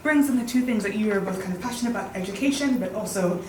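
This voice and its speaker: A woman teacher in the audience asking a long, earnest question, with hesitant pauses. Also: medium pitch, a little mellow. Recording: echoey hall, distant mic, clear background noise.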